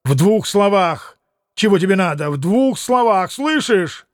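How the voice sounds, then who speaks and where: A fierce, shaken young man close to frenzy, voiced by a man reading aloud. The voice is high for a man and dry, set close with no room sound. He drives his words out with agitation. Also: animated, a little slow, dry recording. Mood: frenzied. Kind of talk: audiobook character reading.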